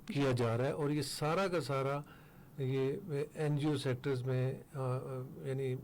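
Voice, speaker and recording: An older man from Pakistan, a foundation head speaking as a guest in a radio studio interview, explaining steadily with pauses and fillers. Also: mid-range voice, fairly even intonation, darkish tone, a little hiss or hum.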